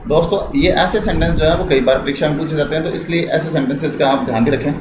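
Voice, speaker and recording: A male teacher giving a lecture on English grammar, slowly dictating sentences as he writes them on the board and asking the class questions. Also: a little high, echoey room, noisy background.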